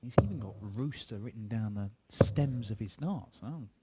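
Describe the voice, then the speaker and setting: Male darts commentator over clear background noise. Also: lowish voice, expressive, moderate pace. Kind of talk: live sports commentary, conversational analysis. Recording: clearly noisy live sports broadcast.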